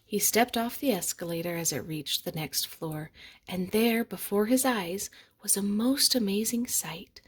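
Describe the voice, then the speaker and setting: A woman narrating a children's picture book aloud in an expressive storytelling manner. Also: medium pitch, measured pace, slightly rough. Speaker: storybook reader.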